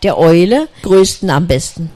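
A storyteller reading a children's story aloud in a calm, unhurried way, with small slips. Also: mid-range voice.

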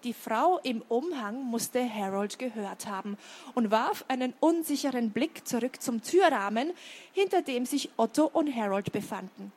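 A woman's voice: a little high, normal speed. A woman reading a children's book aloud, then chatting to young listeners about it with many fillers. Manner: lively storytelling, chatty asides with many fillers.

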